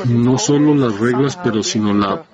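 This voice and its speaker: A man giving a spoken testimony in a halting, hesitant way, breaking off and restarting his sentences. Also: medium pitch, a crowd in the background. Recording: dull lo-fi sound.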